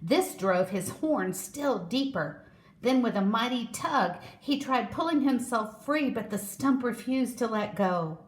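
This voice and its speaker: A woman reading a children's story aloud in a slow, expressive way. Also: on the high side. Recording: echoey room.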